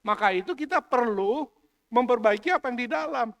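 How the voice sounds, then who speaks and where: A man's voice: extremely high pitch, lively intonation, normal speed, vocal fry, fairly bright tone. A male pastor preaching a sermon in a church, joking with the congregation and slipping English phrases into his talk. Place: church hall. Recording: long hall reverb.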